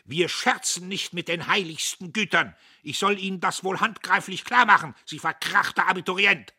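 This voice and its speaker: Brief: blustering, bullying patriot voiced by a man in an audiobook, loud, high, husky edge. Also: moderate pace, no echo, studio quality, heavily acted. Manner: shouting, blustering. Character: Diederich, bullying, hot-tempered patriotic man.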